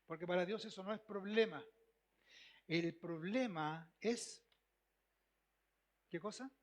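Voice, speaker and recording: Un pastor con acento chileno que predica con énfasis, repitiendo frases y haciendo preguntas a la congregación. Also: male voice, high voice, slow pace. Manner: emphatic, repeats phrases, asks the congregation questions. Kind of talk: sermon.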